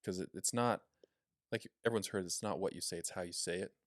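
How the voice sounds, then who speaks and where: A young man with a lowish voice chats casually on a podcast. He talks loosely, leaning on fillers. The sound is dry and close. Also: fast, no echo. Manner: chatty, filler-heavy, demonstrates voice tones. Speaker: podcast co-host.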